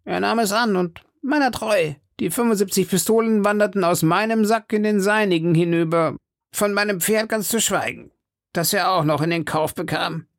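A man reading an audiobook plays a jovial, swaggering musketeer who brags about his duels. The voice is lifted well above his own and has a gravelly edge, recorded close and dry. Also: sits high, normal speed, dry recording, voice pushed up. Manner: swaggering, boastful. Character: boastful, hearty male musketeer, bedridden, jovial.

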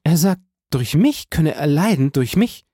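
A man's voice: fairly high pitch, big pitch swings, unhurried, mellow, slightly rough, no room sound, clean studio sound, pitched above the performer's own voice, full character voice. A man reading aloud voices a devoted young woman who speaks in a tender, pleading, tearful way. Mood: imploring.

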